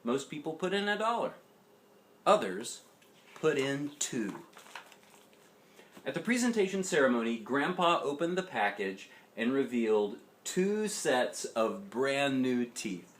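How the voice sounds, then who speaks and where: Reading a children's picture book aloud like a dad, a man uses dramatic emphasis and chatty questions aimed at the listener. His mid-range voice is sing-song and moves at a measured pace.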